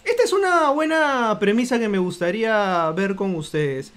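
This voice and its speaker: Man, Peruvian Spanish accent, high voice, playful live-stream host, theatrical. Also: animated, normal speed, a bit bright. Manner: playful, theatrical, addresses viewers directly. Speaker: host of a live book podcast. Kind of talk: live-stream casual chat.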